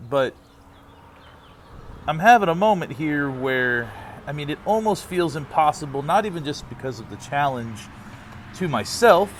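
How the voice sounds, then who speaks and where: A man's voice: fairly high pitch, expressive, unhurried. Exasperated man venting over road noise. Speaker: vlogger on a long-distance walk. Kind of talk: candid personal venting monologue. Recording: noisy outdoors with vehicle sounds.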